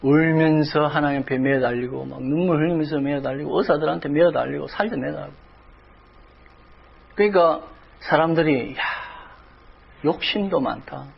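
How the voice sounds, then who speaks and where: A middle-aged South Korean pastor preaches a sermon, sharing a personal story with emotion that builds toward crying out in prayer. His voice is fairly high with vocal fry and a breathy edge, at normal speed, on lo-fi audio.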